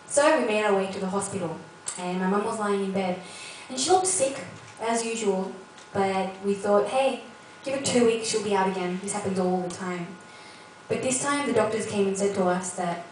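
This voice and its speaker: A young woman giving a spoken personal testimony in an earnest, heartfelt storytelling manner. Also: medium pitch. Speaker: speaker sharing a personal testimony. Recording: echoey, distant mic with faint noise.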